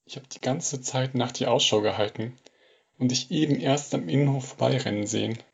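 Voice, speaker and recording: A woman reading aloud, voicing a calm, gentle young man in a wolf mask in a low, husky voice. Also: a little fast, lo-fi sound, exaggerated voice. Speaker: narrator voicing a character.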